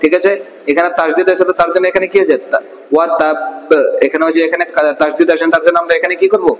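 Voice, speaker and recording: A man's voice: fairly high pitch, flat delivery, roomy sound, long reverb tail, poor audio. A man teaching a Quran reading class, asking and answering his own questions and drawing out verses syllable by syllable. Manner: question-and-answer drilling, slow syllable-by-syllable recitation. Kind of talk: online Quran recitation class.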